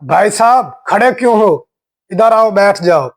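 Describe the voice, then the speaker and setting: A man voicing a boastful neighbor in a family cartoon. He teases slowly and smugly and sounds very pleased with himself. His voice sits high, with a gravelly edge. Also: lively intonation. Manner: slow, self-satisfied, teasing. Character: smug adult male neighbor who boasts about his son. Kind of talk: cartoon voice acting.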